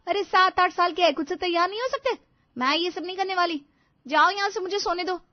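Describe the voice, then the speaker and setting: A woman doing a spoiled young bride from a storybook, lazy and rude, brushing everything off with a bratty whine. The voice is fairly high. The sound is dull lo-fi and dry. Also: brisk, no room sound, lightly acted. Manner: bratty, dismissive whining.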